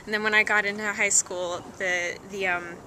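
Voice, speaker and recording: A woman's voice: mid-range voice, moderate pace. A young woman chatting casually as a guest, telling a story with frequent laughter. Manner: laughs often, animated storytelling. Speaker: visiting guest, younger cousin. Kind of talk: casual chat. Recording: home video with noisy background.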